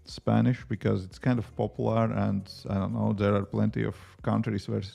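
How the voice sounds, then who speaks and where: His voice is on the low side, gravelly and warm, with flat delivery at a moderate pace, and soft music plays in the background. He's a native Latvian speaker with a Latvian accent, a livestreaming app developer who rambles casually on a coding stream, fielding chat questions while working and using many fillers.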